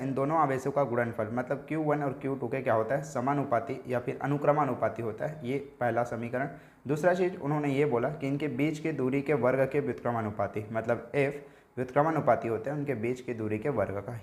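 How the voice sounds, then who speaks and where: A man's voice: mid-range voice, darkish tone. Patient male physics teacher in an echoey room. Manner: explaining slowly, repeating himself with frequent "ठीक है" checks. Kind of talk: exam revision lecture.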